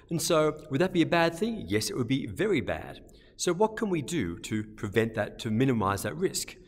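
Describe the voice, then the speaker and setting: A man, a priest giving a gentle, conversational homily in a church, often repeating himself. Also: mid-range voice. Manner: gentle, conversational, with frequent repetitions. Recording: long church reverb.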